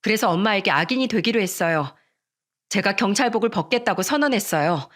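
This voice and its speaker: A woman voicing a determined young woman in a radio story, speaking firmly and calmly as she defies her mother. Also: medium pitch, close to an everyday voice. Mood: explaining. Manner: firm, calm, deliberate.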